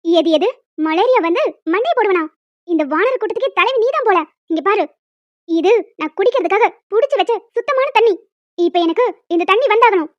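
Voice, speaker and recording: A woman voicing a bossy old village grandmother in a cartoon, who shouts insults and threats. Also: very high-pitched, lively intonation, brisk, no room sound, highs cut off. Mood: indignant.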